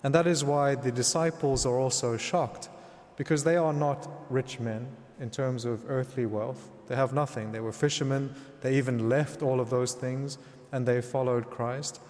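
A man, a priest, reads the gospel aloud and then gives a homily in a measured teaching manner, often checking in with "right?". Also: medium pitch, darkish tone, long reverb tail.

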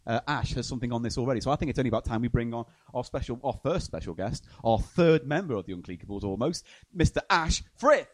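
A man's voice: mid-range voice, lively intonation, fast, few pauses. A man hosting a comedy podcast, upbeat and laughing often. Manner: upbeat, laughs a lot, runs the segments. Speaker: podcast host. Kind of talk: comedic banter.

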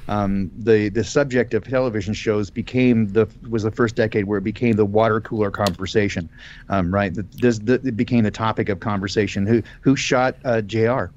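Low-voiced man in his fifties, halting. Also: steady tone, darkish tone, lo-fi sound, slight background noise. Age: 50s. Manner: hesitant, many fillers and restarts. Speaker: podcast co-host. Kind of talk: casual live-stream discussion.

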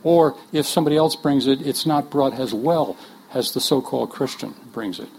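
Teaching a group of pastors, a man speaks at normal speed in a medium-pitched, darkish voice. The talk is earnest and chatty, full of jokes on the side and restarted sentences, and the low-quality audio carries a faint hiss or hum.

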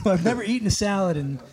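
A man's voice: high-pitched, expressive, normal speed, a crowd in the background. A man hosting a podcast interview in a restaurant, joking and chatty. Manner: jokey, chatty. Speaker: podcast host. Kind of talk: casual interview.

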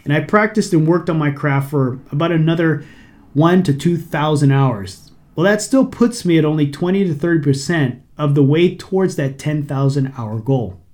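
A middle-aged man hosts a solo podcast in an easygoing, encouraging tone. He slips in a bit of dry sarcasm now and then. His voice sits a little higher than most men's. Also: animated, moderate pace, darkish tone. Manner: conversational, lightly sarcastic, motivational. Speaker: podcast host. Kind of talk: casual solo podcast talk.

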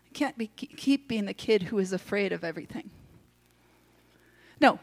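A woman's voice: mid-range voice, expressive, fairly quick, darkish tone, big-room sound. A woman from the United States telling a personal story live in a wry, self-deprecating way that halts at tender moments.

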